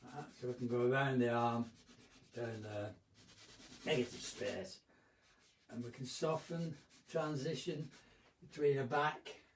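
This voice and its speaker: A man giving a relaxed, rambling painting demonstration as an art instructor, often correcting himself. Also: mid-range voice, takes it slowly, recorded from a distance, slight background noise. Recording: roomy echo, off-mic.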